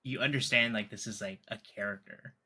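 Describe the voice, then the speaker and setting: A man's voice: on the low side, fairly even intonation, fairly quick, sharp tone, slightly rough. A man co-hosting a casual film discussion, rambling with lots of fillers and restarts, laughing often. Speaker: podcast co-host.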